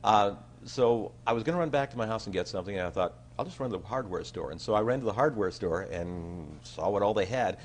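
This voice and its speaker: A man's voice: on the low side, fast talker, hardly any pauses, slight background noise. A man chatting as a talk show guest, then doing a comedic magic routine with playful showman patter. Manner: animated, jokey showman patter, bursts of hummed tune. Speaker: guest, magician and stage effects designer.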